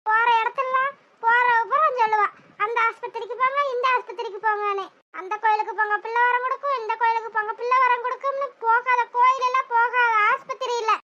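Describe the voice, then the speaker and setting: Woman doing a shrill scolding village granny. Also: fairly even intonation, fast talker, pushed and bright, muffled recording. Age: older. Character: old village grandmother, blunt, scolding.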